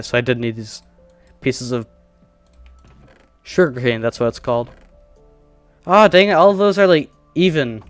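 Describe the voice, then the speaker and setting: A man's voice: mid-range voice, clean tone, no room sound. A man streaming a survival game, casually thinking aloud and joking at his own expense while he plays. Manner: rambling, self-deprecating, thinking aloud.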